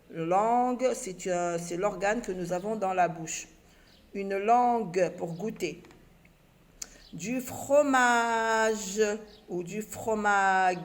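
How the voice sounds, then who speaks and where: Patient woman teacher, gravelly, unhurried delivery, sounds out syllables for children. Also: lowish voice, darkish tone. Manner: asks and answers her own questions. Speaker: primary school teacher. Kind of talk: children's reading lesson.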